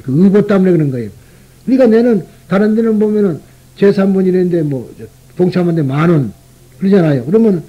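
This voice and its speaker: Male Buddhist monk, high husky voice, chatty sermon full of rhetorical asides, dull lo-fi recording. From Gyeongsang region, Korea. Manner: conversational, often tags rhetorical questions to the listeners.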